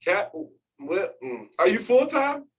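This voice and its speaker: A man's voice: high voice, wildly swooping pitch, slow pace, a bit bright. Slangy, teasing man hosting chat. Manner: laid-back, slangy, teasing. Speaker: podcast host. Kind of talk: casual chat.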